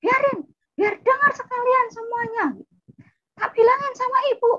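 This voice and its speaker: A woman voicing her angry older sister, who scolds and shouts at her. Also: mid-range voice, very animated, normal speed, breathy edge, lo-fi sound. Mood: shrill, furious.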